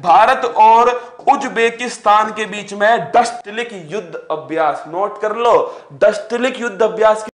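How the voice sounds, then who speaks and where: A man's voice: high voice, measured pace. A man teaching an exam-prep lecture with energy, firing rhetorical questions and calling his students playful pet names. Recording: echoey room.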